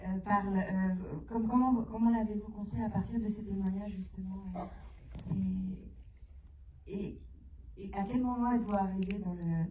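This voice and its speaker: A woman's voice: mid-range voice, steady tone, unhurried, a little hiss or hum. A woman moderating a cinema talk, asking questions hesitantly and rephrasing them as she goes. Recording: echoey, distant and muffled room sound.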